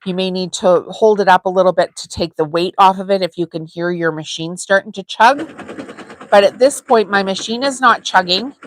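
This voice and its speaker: Woman, mid-pitched, casual live crafting-tutorial host, easygoing and chatty with filler ums. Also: moderate pace, dry recording, poor audio. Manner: chatty, relaxed, frequent ums. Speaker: sewing channel host.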